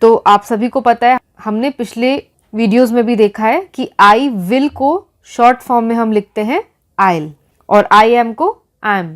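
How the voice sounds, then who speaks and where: A woman teaching English pronunciation, reading word lists slowly and explaining each one. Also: fairly high pitch. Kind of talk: slow classroom-style explanation.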